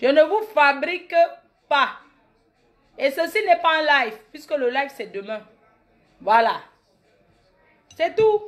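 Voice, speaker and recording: In her late thirties, a comedic vlogger with a Cameroonian French accent delivers a brash, boastful monologue mocking her critics. Her voice sits high and animated, and she speaks slowly with frequent pauses.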